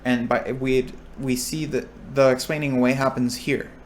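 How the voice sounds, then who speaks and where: A young man serving as a recitation instructor explains a probability lesson at normal speed, his medium-pitched voice level in tone. He thinks out loud, restarts, and checks in with listeners, against slight background noise.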